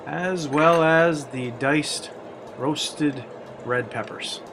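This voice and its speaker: A man's voice: a little high, drawn-out words, background noise. A man hosting a cooking video, walking through a recipe step by step with wry, self-deprecating jokes. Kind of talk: cooking demonstration with jokey asides.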